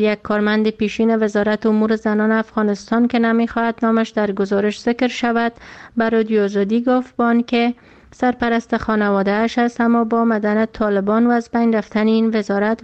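A woman with an Afghan Dari accent reading a radio news report in an even, measured way. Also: on the high side, clear, resonant tone. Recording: slightly dull lo-fi sound.

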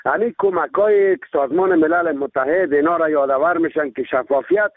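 A male radio caller with an Afghan accent speaks off the cuff in a pleading way. His voice is a little high and comes dry over a narrow, tinny phone-like line. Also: no room sound. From Logar, Afghanistan. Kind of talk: spontaneous spoken appeal.

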